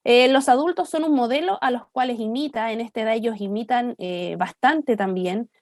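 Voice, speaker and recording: A young woman leads a church workshop for parents, her voice pitched a little high. She talks in an easy, conversational way and keeps checking in with her audience. The sound is dry and close, with no room around it. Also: normal speed, dry recording. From Chile. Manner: conversational, asks "¿cierto?" often. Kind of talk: church talk on child development.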